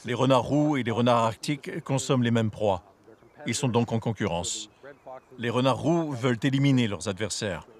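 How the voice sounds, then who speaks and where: A man speaking as a wildlife researcher, giving measured, articulate explanations for a documentary. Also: mid-range voice.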